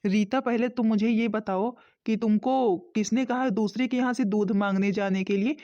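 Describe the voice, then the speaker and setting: A performer voicing a gentle middle-aged father in a cartoon, who talks slowly and soothingly. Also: sits high, steady tone, lightly acted. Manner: slow, soothing and pleading. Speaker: father character. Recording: dull lo-fi sound.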